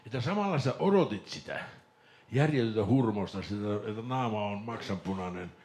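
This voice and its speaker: A man from Lapland telling a lively story on a casual podcast, laughing and mimicking voices along the way. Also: on the low side, slight background noise. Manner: animated storyteller, laughs and mimics voices, shouts when excited. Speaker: podcast host.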